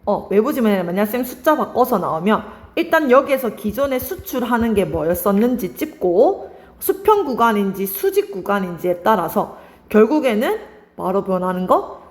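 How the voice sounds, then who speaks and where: A woman's voice: medium pitch, very animated, moderate pace, roomy sound. A young woman teaching an exam-prep lesson, asking her students questions and answering them herself. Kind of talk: online exam-prep lecture.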